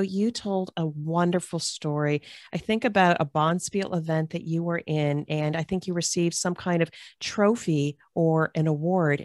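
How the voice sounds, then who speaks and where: A woman's voice: low-pitched, dry recording, studio quality. A middle-aged woman interviewing a guest over a video call, speaking into a desk mic from a home office in an encouraging, polished way. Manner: warm, encouraging, polished phrasing. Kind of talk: friendly recorded interview. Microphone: microphone at desk on a video call.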